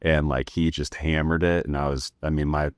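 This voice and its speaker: Super deep-voiced guy hosting a chill podcast chat, lots of "like", dry sound. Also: little pitch movement, moderate pace, no echo. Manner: rambling, many "like" fillers. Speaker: podcast host. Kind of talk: casual round-table chat. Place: fishing lodge.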